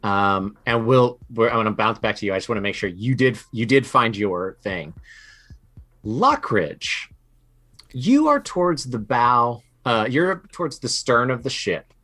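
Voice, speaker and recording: A man running a tabletop game as game master, describing scenes in a halting way full of ums and restarts. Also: medium pitch, sing-song, a bit bright.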